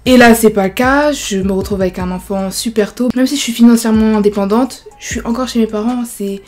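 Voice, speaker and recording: A YouTuber in her early twenties tells her story in a chatty storytime vlog, packed with fillers like "genre" and "voilà." Her voice is fairly high and a little fast with a darkish tone, and faint music plays behind her.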